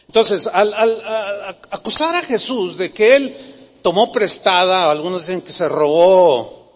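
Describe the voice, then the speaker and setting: High-voiced pastor preaching. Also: male voice, takes it slowly, long pauses. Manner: emphatic, repetitive, questions the congregation. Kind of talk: sermon. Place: church hall. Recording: long hall reverb.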